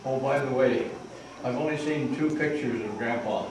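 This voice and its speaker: A man's voice: medium pitch, normal speed, a little mellow. An older man giving an informal family history talk, rambling with asides and restarts, recorded from a distance in an echoey room with background noise.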